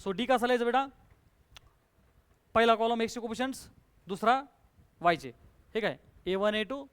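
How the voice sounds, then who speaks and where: A man teaching a maths class, his voice high-pitched, smooth and resonant. He keeps firing questions at the students and coaxes quick answers from them. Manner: brisk, coaxing, quizzes students, calls them 'beta'. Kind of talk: classroom lecture with student call-and-response.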